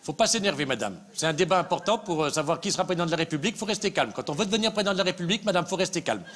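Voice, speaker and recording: A man's voice: sits high, animated, very fast, a bit bright, slight background noise. A male comedian in a live stage sketch, playing a smug, patronizing politician who repeats himself. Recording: live theatre with audience laughter.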